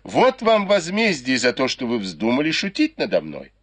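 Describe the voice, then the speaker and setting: A man reading an audiobook, voicing a lively young maidservant who exclaims playfully in a raised voice. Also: medium pitch, moderate pace, pitched above the performer's own voice.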